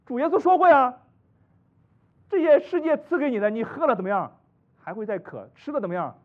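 Animated high-voiced man preaching. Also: fairly quick. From China. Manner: animated, rhetorical questions, swings between loud and hushed. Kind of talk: sermon. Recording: tinny phone-like recording.

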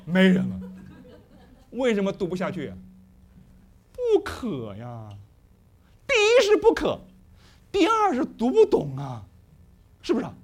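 Animated, high-voiced male preacher. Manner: lively, questioning the congregation often. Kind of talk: sermon.

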